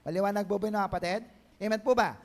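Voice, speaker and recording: Man, Filipino accent, pastor, Bible-teaching sermon, calls for amens, slow stressed phrases. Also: high-pitched, steady tone. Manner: mixes Tagalog and English, calls for amens, stretches key words slowly.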